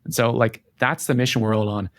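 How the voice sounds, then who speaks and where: In a conversational interview, a man who founded and runs a tech company gives earnest, reflective, emphatic answers as the guest. He speaks fairly quickly at medium pitch with fairly even intonation, recorded in clean studio sound without echo.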